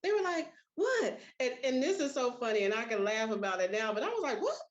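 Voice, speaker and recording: A middle-aged woman hosting a casual podcast chat, telling stories with lively voiced quotes. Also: on the high side, fast, lo-fi sound. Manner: animated storytelling with voiced quotes. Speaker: podcast host.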